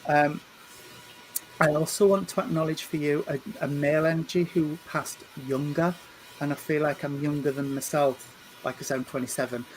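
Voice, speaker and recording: Halting man in his fifties. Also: on the high side, steady tone, a little hiss or hum, low-quality recording. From England. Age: 50s. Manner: hesitant, repeats and restarts words. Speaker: medium. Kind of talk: spirit reading at a church service.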